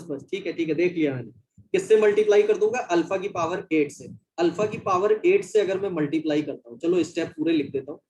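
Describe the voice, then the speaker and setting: A man's voice: high-pitched, darkish tone, rough recording. A man teaching a live online maths class, calling his students "beta" and "bhai" and reading their chat messages aloud.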